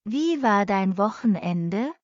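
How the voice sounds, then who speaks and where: A woman reading short practice sentences for a language lesson, saying each one twice, slowly and evenly. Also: medium pitch, animated, darkish tone, no room sound. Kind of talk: slow repeated phrase reading for learners. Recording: dull lo-fi dry recording.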